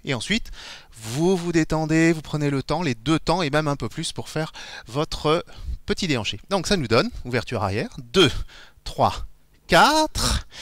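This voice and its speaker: Animated man counting dance steps. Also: on the high side, no echo. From France. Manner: counts beats aloud while demonstrating steps. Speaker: dance teacher. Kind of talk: live online dance lesson. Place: dance studio hall. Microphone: far camera.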